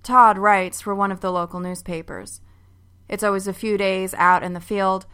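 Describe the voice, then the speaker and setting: A woman giving a wry, expressive first-person narration of a family story. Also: lowish voice, clear, resonant tone.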